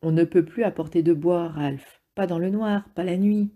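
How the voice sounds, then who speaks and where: A woman reading the part of an exhausted, discouraged stranded boy, speaking wearily in a husky voice. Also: lowish voice, normal speed, narrow, tinny audio, close to an everyday voice. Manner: weary, flat complaining.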